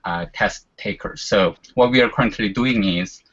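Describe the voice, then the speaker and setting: A Korean-speaking man in his forties chats casually as a guest, often reaching for fillers like "you know." His voice is fairly low and a bit bright, at a moderate pace, with a little hiss or hum. The recording sounds dull and lo-fi.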